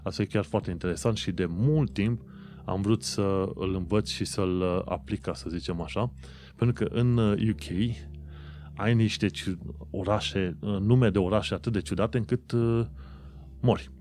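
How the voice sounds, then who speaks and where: A man hosting a casual solo podcast, explaining how words are pronounced and repeating them slowly to demonstrate. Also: lowish voice, a little mellow. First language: Romanian. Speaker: podcast host.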